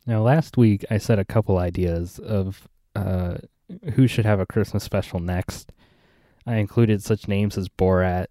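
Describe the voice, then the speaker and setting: A man hosting a casual comedic chat, laid-back and deadpan, reading out discussion prompts. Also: deep voice, unhurried, no room sound. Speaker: podcast host reading prompts.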